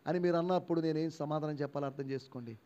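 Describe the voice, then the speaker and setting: Fifties male pastor, high voice, animated sermon with shouted peaks, dull lo-fi sound. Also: very fast. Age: 50s. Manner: animated preaching, rising to loud emphatic shouts, acting out imagined replies. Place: church.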